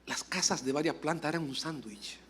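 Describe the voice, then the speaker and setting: Male pastor, fiery sermon delivery, high bright voice, acts out dialogue. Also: brisk, slight background noise. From Dominican Republic. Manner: animated, swings between loud exclamations and soft asides.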